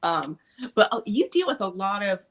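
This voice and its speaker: A woman's voice: mid-range voice, sing-song, moderate pace. A woman co-hosting a casual podcast interview. She is playful and steers the talk with long questions. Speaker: podcast co-host.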